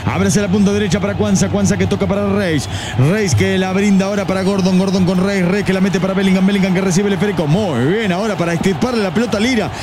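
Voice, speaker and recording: An Argentine man with an Argentine Spanish accent delivers rapid live football play-by-play for an online stream, reading viewer messages aloud as he goes. His voice is high with fairly even intonation, and there's background noise.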